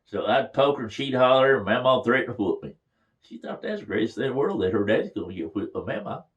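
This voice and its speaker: A man's voice: medium pitch, expressive, quick pace, highs cut off. An older man, reminiscing in a folksy, chuckling storytelling manner. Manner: folksy, chuckles through his stories. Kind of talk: casual reminiscing.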